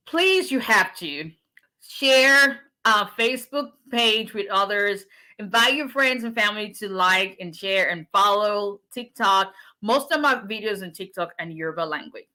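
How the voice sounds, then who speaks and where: A Nigerian immigration attorney chats casually on a livestream, greeting viewers and urging them to keep faith. Her medium-pitched voice is bright and forceful, rising like a preacher's when she offers encouragement.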